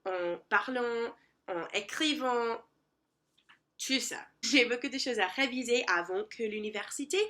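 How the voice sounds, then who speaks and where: A woman's voice: medium pitch, bright, forceful tone. A young American woman, a native English speaker, vlogging casually in a language she is learning, hesitant, with many fillers and self-corrections. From United States. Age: young adult. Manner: laughs at her own slips.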